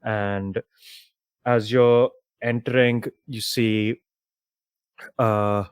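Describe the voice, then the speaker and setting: A man narrating a tabletop game as dungeon master, casual and loose, filling pauses with fillers. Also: lowish voice, little pitch movement, smooth, dry recording.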